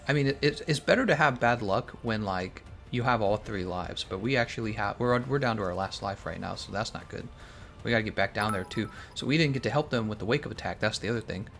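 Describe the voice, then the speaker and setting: A man's voice: lowish voice, quick pace, gravelly, a bit bright, faint music behind. A man giving casual, slangy, exclamatory livestream commentary on a game while chatting with his viewers. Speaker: game streamer.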